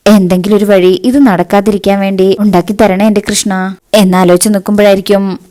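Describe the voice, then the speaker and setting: A woman's voice: medium pitch, little pitch movement, brisk, dark tone. A woman casually retelling a television serial episode, reading out each character's lines. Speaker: serial recap narrator.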